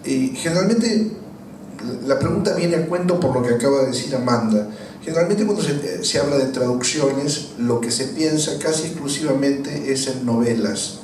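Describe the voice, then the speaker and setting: A man's voice: mid-range voice, expressive, moderate pace, a little mellow. Man, Latin American accent, emphatic discursive questioner; distant, with faint background noise. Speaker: audience questioner at a panel. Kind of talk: discursive, argumentative public question. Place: echoey room at a public talk. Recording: echoey room, distant mic, faint noise.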